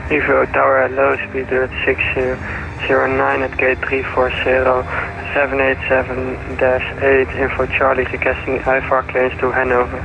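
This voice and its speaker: A man, an airline pilot, making halting, hesitant readbacks over aircraft radio. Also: mid-range voice, completely flat delivery, vocal fry, muffled recording, noisy background. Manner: hesitant, stumbling over codes.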